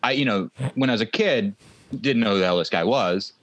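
A man's voice: on the low side, brisk, no echo, lo-fi sound. A man co-hosting a podcast in casual chat, telling scenes with laughs. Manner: animated storyteller, laughs often. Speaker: podcast co-host.

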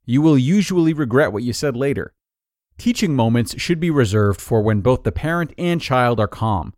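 A man narrating an article of numbered tips in a clear, even, scripted read-aloud delivery. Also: mid-range voice, moderate pace, dry recording, clean studio sound.

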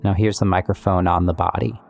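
Over guitar and plucked strings, a composer and musician narrates a podcast about his work in a scripted but conversational way. His voice is low and creaky with fairly even intonation, and he talks fairly quickly.

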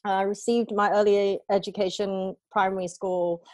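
A woman's voice: medium pitch, level tone, normal speed, a little mellow, no echo. A middle-aged woman from Hong Kong, a guest in a podcast interview, speaking cheerfully with frequent laughs and hesitations. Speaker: guest, company founder.

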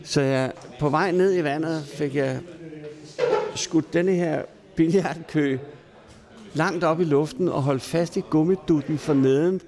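A man's voice: on the high side, creaky, a little mellow. A man casually telling old pub anecdotes, chuckling now and then and speaking in a salty, colloquial way, recorded in a neighbourhood pub. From Denmark. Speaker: storyteller.

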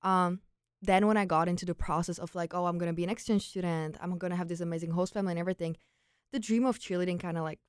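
A young woman from the Czech Republic, raised in Prague, speaks with a Czech accent in a fairly low, clear, resonant voice, recorded studio-clean without echo. As an interview guest and former exchange student, she tells personal stories informally, full of "like" and quoted thoughts.

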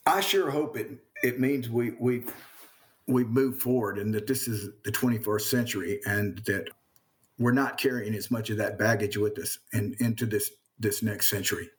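A man's voice: lowish voice, moderate pace. A man with a Southern American accent speaking earnestly as a podcast guest, often repeating words as he gathers his thoughts. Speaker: interview guest. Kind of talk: reflective conversation.

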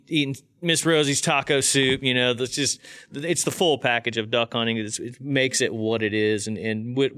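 A man's voice: mid-range voice, a bit bright, clear, resonant tone, dry recording, studio quality. A man from Indiana hosting a casual interview, talking informally in wordy, circling phrases. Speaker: podcast host, interviewer.

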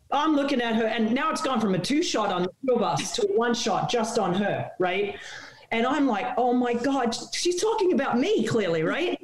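Woman telling an animated story, echoey. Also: mid-range voice. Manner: animated, laughing, acts out quotes. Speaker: former pro and TV tennis analyst, guest. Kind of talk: casual storytelling anecdote. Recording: roomy echo.

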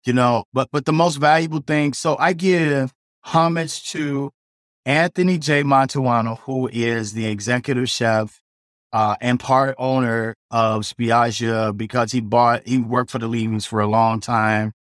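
A middle-aged chef from Chicago's South Side tells his story as an interview guest in a loose, rambling way, full of restarts, "you know," and blunt language. His mid-range voice is unhurried with fairly even intonation, captured in studio quality with no room sound.

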